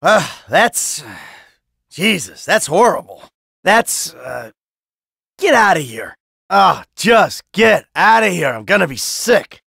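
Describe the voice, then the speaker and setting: Michael De Santa, sardonic bright-voiced American criminal. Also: male voice, high-pitched, very animated, slow, vocal fry, slightly rough, no room sound, clean studio sound, heavily acted. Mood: sarcastic, casual. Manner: sardonic, blunt, tough-guy delivery. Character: cynical, sarcastic, short-tempered middle-aged male American criminal. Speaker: video game voice actor. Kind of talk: short in-game voice lines.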